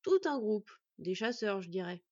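A woman reading an audiobook, voicing a gruff, gossipy middle-aged male villager who speaks in a confiding tone. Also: mid-range voice, animated, normal speed, a little mellow, muffled recording, close to an everyday voice.

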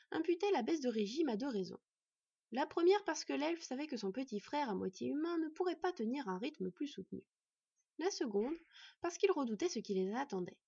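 A woman reading a fantasy story aloud in an expressive storytelling manner. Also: on the high side, creaky, slightly rough, no echo. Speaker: audiobook reader. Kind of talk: scripted fantasy narration. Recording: dull lo-fi recording.

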